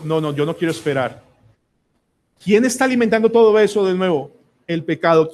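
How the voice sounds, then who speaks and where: A Colombian man preaching a sermon as pastor, emphatic and pleading, putting question after question to the congregation. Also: high-pitched. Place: church sanctuary.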